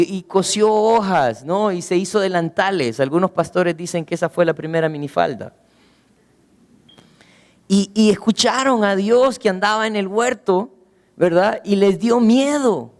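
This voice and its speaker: A man preaching a sermon as pastor, earnestly asking rhetorical questions and slowing down, going low for emphasis. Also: darkish tone, long reverb tail. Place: church.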